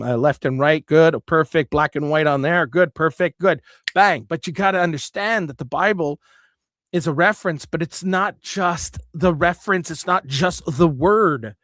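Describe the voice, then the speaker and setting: A man hosts his own talk show and speaks in an earnest monologue. He rambles and often restarts his sentences. His voice sits fairly high, and the recording is close and dry. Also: normal speed, fairly bright tone, dry recording. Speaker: show host. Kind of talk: spoken monologue.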